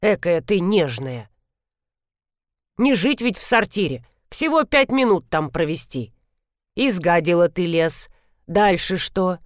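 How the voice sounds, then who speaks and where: A woman's voice: fairly low pitch, animated, slow, pauses often, no echo, clean studio sound. Woman doing a wry, folksy old village granny. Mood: scolding. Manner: folksy, dryly mocking. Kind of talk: audiobook character voice.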